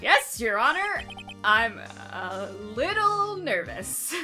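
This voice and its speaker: A woman's voice: a little high, very animated, slow, music in the background. A woman voicing a nervous, earnest young male rookie defense lawyer in a game, speaking hesitantly.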